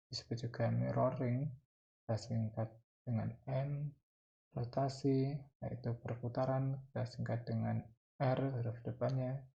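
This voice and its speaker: A man's voice: medium pitch, creaky, dark tone, highs cut off. A man with an Indonesian accent teaching mathematics step by step, dictating in short phrases and repeating key terms. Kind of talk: spoken math lesson, explaining step by step.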